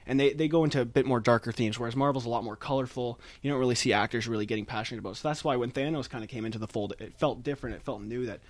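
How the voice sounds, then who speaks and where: A man's voice: mid-range voice, rapid-fire, few pauses, no echo. A man hosting a casual film discussion podcast, talkative and conversational, recorded in an attic. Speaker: podcast host. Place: indoors in a chilly attic.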